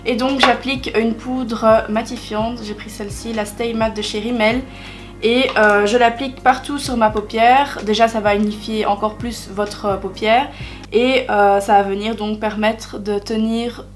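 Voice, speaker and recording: A woman's voice: on the high side, steady tone, unhurried, soft background music. A young woman talking through a makeup tutorial in a chatty way, with many hesitations and self-deprecating asides. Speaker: beauty vlogger.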